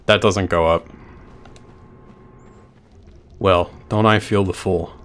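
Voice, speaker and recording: While streaming a video game, a man with a deep voice talks casually and muses aloud, cursing freely. His tone is steady and clean, and his pace moderate.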